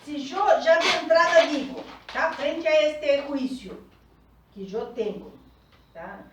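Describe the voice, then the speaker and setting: Teaching a group in Spanish, a woman coach whose native language is Portuguese speaks in a high voice, explaining slowly and frequently asking "¿tá?" to check in. The room is echoey, the mic is distant, and the background is noisy.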